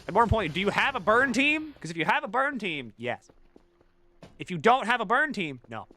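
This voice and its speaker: A man with a slightly high voice and a cold, chatting loosely over his gameplay stream. He rambles, swears freely and jokes around, sliding from half-mumbled asides to sudden loud bursts when he commits to a bit. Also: very animated, brisk. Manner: rambling, joking, swears often, swings from mumbling to loud bits. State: has a cold. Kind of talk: casual gaming stream chat.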